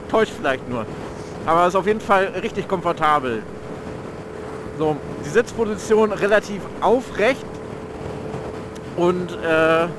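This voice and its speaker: A young man's slightly high voice comes from a mic inside his motorcycle helmet as he rides and reviews his bike. His vlog commentary is loose and slangy, and he often searches for words. Engine sound, road noise and outdoor traffic fill the background.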